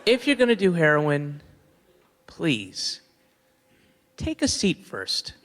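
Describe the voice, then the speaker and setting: A man's voice: a little high, huge pitch swings, slow, fairly bright tone, long reverb tail. A man doing a rambling stand-up comedy set, slipping in and out of mocking voices.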